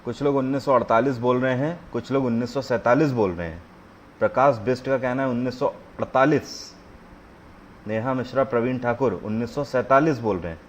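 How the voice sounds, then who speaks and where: A man teaching a live online quiz class, reading each question out slowly, then explaining it and pressing viewers to answer, mixing English terms into his Hindi. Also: medium pitch, slight background noise.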